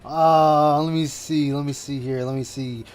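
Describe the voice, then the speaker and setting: A man's voice: on the high side, fairly even intonation, a little slow, faint music behind. A man hosting a casual stream chat, talking loosely and swearing as he laughs. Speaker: stream host.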